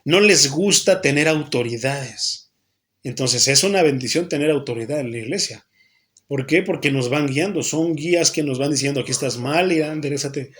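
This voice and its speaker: A man's voice: fairly high pitch, moderate pace, a bit bright. A Mexican pastor preaching an earnest sermon to his church, asking himself questions and answering them, often repeating and restarting phrases.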